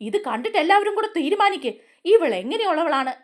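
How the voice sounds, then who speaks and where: A woman's voice: very high voice, very animated, fast talker, pitched above the performer's own voice. A woman acting an angry young man, accusing. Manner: accusing, raised voice.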